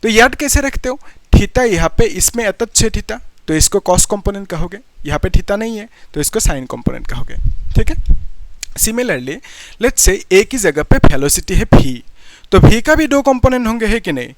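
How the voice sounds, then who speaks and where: Lively high-voiced male physics teacher. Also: moderate pace, a little hiss or hum. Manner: explains step by step, keeps asking students questions and checking with "ठीक है". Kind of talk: whiteboard physics lesson.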